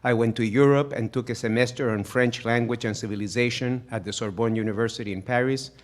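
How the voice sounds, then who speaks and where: Male journalist, 60s, measured and formal, reads a prepared statement. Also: mid-range voice, steady tone. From Chile. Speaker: journalist testifying at a hearing.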